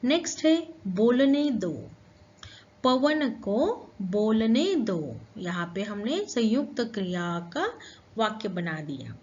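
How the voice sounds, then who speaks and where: Slow patient woman teaching grammar. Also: mid-range voice, big pitch swings, darkish tone, lo-fi sound. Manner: slow, patient explaining to children. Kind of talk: Hindi grammar lesson.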